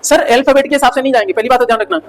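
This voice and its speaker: A man's voice: very high-pitched, racing. Man teaching in a reverberant room. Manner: asks the class questions and answers them himself; repeats key words and spells out letters. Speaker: English teacher. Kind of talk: revision lecture. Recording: reverberant room with faint noise.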